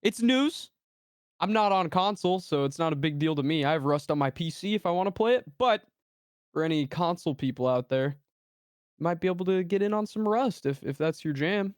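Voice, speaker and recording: A man's voice: on the high side, fairly quick, smooth. A young man co-hosting a gaming podcast, laid-back, with short reactions and gamer slang. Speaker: podcast co-host. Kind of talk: casual gaming news chat.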